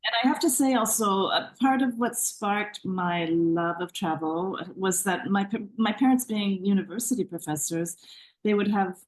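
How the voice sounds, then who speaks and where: Middle-aged woman, chatty interview guest, from canada, restarts a lot, average pitch. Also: moderate pace, poor audio. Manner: chatty, restarts often, laughs easily. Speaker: guest author. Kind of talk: conversational interview.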